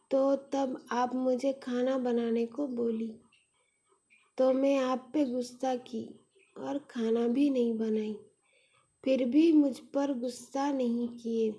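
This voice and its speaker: A woman's voice: high-pitched, steady tone, takes it slowly, mellow. A woman voicing a remorseful young daughter in a spoken story, with an earnest, apologetic manner. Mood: contrite.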